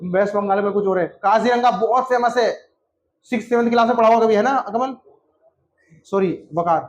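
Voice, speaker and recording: A man's voice: high voice, brisk. A man teaching a classroom lesson, repeating answers over and over and quizzing students by name. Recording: echoey classroom.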